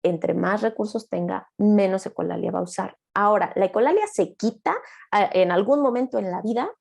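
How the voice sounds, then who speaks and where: A woman's voice: medium pitch, expressive, fairly quick, creaky, a little mellow. A young adult woman therapist giving an online master class, explaining patiently and acting out short lines of children and parents.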